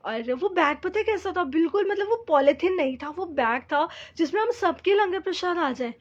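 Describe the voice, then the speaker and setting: Woman, high-pitched, earnest, halting, filler-heavy, devotional testimony, muffled lo-fi sound. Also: animated. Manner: earnest, halting, many fillers, mixes Hindi with English words. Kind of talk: personal spiritual testimony.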